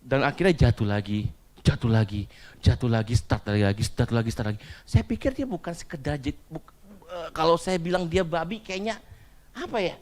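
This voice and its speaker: A man's voice: on the high side, lively intonation, normal speed, a little mellow. A man in his thirties preaching a casual sermon, telling stories about his small child in a chatty way and slipping in English phrases and slang.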